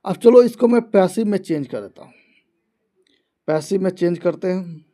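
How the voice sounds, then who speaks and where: A man teaching English grammar in an online lesson, going over each point again and again and reading his example sentences out slowly, word by word. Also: sits high, expressive, dark tone.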